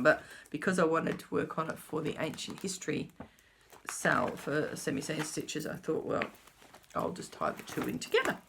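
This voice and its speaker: A middle-aged woman with a mid-range, creaky, slightly bright voice rambles casually through her cross-stitch update, talking to herself while checking her notes. Faint background noise sits under the recording.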